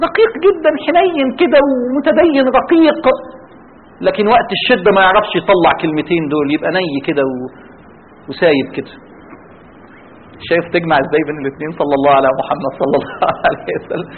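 A man with an Egyptian Arabic accent giving a religious lecture, firing rhetorical questions at his audience. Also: sits high. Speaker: preacher. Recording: tinny band-limited with faint noise.

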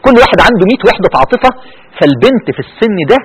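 A man with an Egyptian Arabic accent giving a religious lecture to young women, swinging between loud urging and hushed pleading. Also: high-pitched, very animated, very fast, husky, poor audio. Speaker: preacher.

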